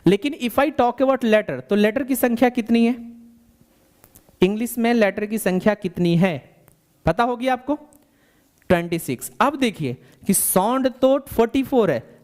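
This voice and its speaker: A man teaching a bilingual spoken English lesson, explaining step by step, repeating questions to the learner and slowing down to dictate definitions. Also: extremely high pitch, darkish tone.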